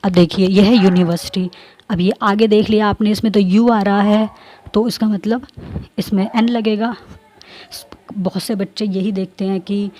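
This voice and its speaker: Woman teacher, mellow tone, patient and repetitive classroom delivery. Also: mid-range voice, fairly even intonation, normal speed. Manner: repeats points, checks in with students. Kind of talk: classroom grammar lesson.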